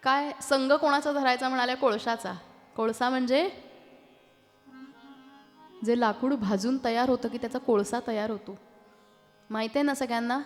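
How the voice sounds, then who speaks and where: Marathi woman kirtan preacher, high voice. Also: moderate pace, long pauses. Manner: lively, teasing, asks the audience to answer back. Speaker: kirtan performer. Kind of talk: devotional kirtan discourse with sung verses. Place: temple hall. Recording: reverberant hall with faint music.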